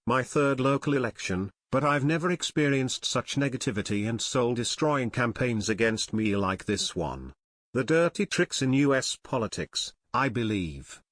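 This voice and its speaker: A man's voice: medium pitch, fairly bright tone, no echo, clean studio sound. A man reading a scripted news report, giving the quoted lines in his own plain narrating voice.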